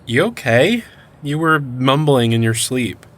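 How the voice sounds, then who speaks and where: A man's voice: mid-range voice, animated, unhurried, fairly bright tone. An actor playing an enthusiastic young male cryptid hunter who explains things eagerly in an audio drama. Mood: teasing. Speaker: lead character.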